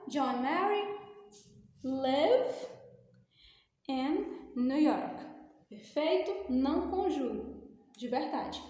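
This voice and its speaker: A woman from Brazil with a Brazilian Portuguese accent, teaching English grammar in a recorded class, patient and explaining step by step while often checking in with the students. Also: high-pitched. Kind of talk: recorded remote class lesson. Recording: echoey room, long reverb.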